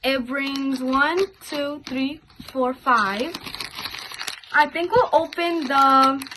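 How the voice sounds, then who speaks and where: A woman's voice: sits high, drawn-out words, background noise. A woman chatting informally to her viewers as she hosts a casual toy unboxing vlog. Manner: informal, repeatedly addressing viewers as "guys". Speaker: host of a toy unboxing video.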